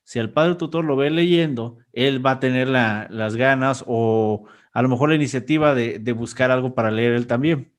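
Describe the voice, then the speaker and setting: A man's voice: mid-range voice, fairly even intonation, moderate pace, hardly any pauses. A man hosting a podcast, reflecting aloud and tagging his points with questions. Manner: reflective, talks in asides ending in "¿no?". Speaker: podcast host. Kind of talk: conversational podcast interview.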